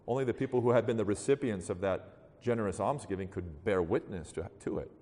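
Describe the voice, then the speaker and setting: A man's voice: fairly low pitch, brisk, warm tone, big-room sound. A man giving a sermon in a loose, conversational storytelling manner, acting out the voices of people in his stories.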